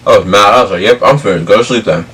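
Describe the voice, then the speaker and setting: A man's voice: on the low side, racing, fairly bright tone. A young adult man chatting casually and telling stories in emphatic, slangy speech. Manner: slangy, emphatic, checks in with "you feel me" and "bro". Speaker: vlog co-host. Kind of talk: casual storytelling chat. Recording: distant mic, faint background noise.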